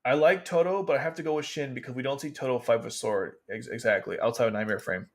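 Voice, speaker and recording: A man commentating casually on a livestream, reading an article aloud and reacting to it with excited, exasperated outbursts. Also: medium pitch, quick pace.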